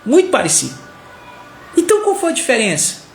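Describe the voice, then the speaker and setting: A man preaching a sermon as a story, animated and acting out the characters' lines. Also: extremely high pitch, a little fast, gravelly. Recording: echoey room with faint music.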